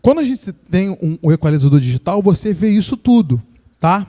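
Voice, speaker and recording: A man's voice: high voice, big pitch swings, brisk, mellow, no echo, clean studio sound. A Brazilian man teaching a live sound-engineering class, explaining casually and checking in with his listeners. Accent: Brazilian Portuguese. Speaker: sound course instructor. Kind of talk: live hands-on demonstration lesson. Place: room with a live audience and a sound system.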